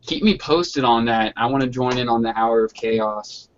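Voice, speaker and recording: On an online hangout call with dull, lo-fi sound, a man chats casually in slangy, sweary language. His voice is mid-range and his speed normal.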